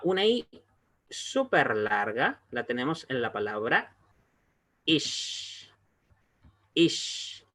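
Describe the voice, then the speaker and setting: Patient man teaching, slightly high voice. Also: a bit bright. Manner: slow and patient, often checks in with a quick "¿ya?". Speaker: Hebrew teacher. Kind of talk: online language lesson.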